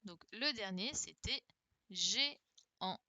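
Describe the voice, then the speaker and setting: A woman teacher leads an online class through her computer mic, speaking slowly and deliberately. Her voice is bright and a little high, and the sound is dry and close with no room around it. She coaxes her pupils by repeating each question. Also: lively intonation, no echo. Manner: coaxing, repeats questions to prompt answers. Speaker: primary school teacher. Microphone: computer mic on a video call.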